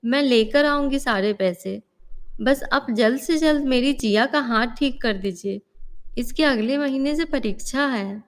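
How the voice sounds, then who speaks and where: A woman's voice: sits high, measured pace. A woman voicing a poor, hardworking mother in a cartoon story, earnest and emphatic. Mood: pleading.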